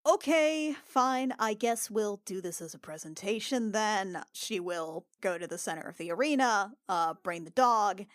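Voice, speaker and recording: Female tabletop player, unhurried and tentative, casual improvised description, close dry sound. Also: medium pitch, animated, no echo.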